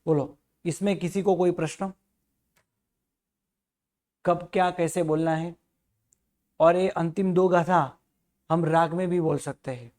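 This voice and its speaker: This is a recitation teacher leading a lesson from home, going over sacred verses one syllable at a time. The delivery is extremely unhurried and patient, and the voice sounds soft and mellow. At times the teacher eases into a gentle melodic chant of the lines. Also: medium pitch, fairly even intonation. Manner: patient, repeats each syllable until it is right. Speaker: religious studies teacher. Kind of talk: recitation lesson, correcting pronunciation.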